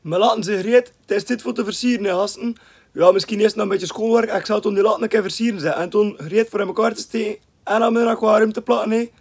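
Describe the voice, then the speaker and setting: A young man from West Flanders chats through his vlog in a broad West Flemish accent. His voice sits high and sounds a little husky, and he keeps dropping small fillers between sentences. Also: fairly even intonation, fast talker. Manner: chatty, with frequent filler tags. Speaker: vlogger. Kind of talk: casual vlog chat. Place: outdoors and at home.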